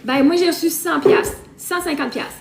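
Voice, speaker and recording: A woman with a Québécois French accent chats casually on a live stream, rambling, listing things, and repeating herself. Her high voice is creaky and moves at a normal speed, and the recording has a roomy echo with faint noise.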